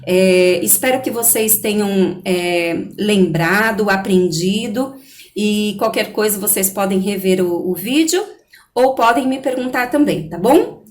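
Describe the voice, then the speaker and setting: A woman's voice: mid-range voice, a little slow. A woman teacher giving a recorded online lesson to young students, patient and explaining step by step, checking in often with the class. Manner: patient, repeats "né?" and "tá certo?" often. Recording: echoey room.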